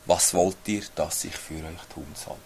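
This is a man preaching a sermon. His voice sits on the low side and sounds husky, and he reads the Bible aloud in an earnest, searching way, often ending his thoughts with a questioning tag. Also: steady tone, unhurried, darkish tone.

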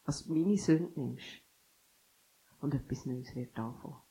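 A woman's voice: very deep voice, a little slow, dark tone, a little hiss or hum, rough recording. A woman preaching a sermon who reads scripture and urges listeners, with sudden emphatic bursts.

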